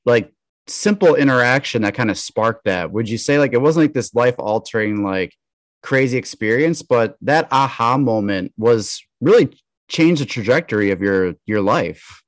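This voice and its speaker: A man hosting a podcast, earnest and measured, a bit halting when asking questions. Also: mid-range voice, animated. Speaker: podcast host. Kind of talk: podcast intro and interview.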